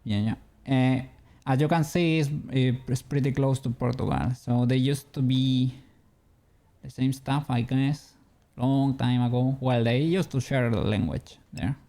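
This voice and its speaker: While modeling in 3D on a stream, a man from Spain talks casually with viewers in a Spanish accent. His mid-range voice is a little slow, creaky, and dark. He tends to ramble, reply to chat, and chuckle often.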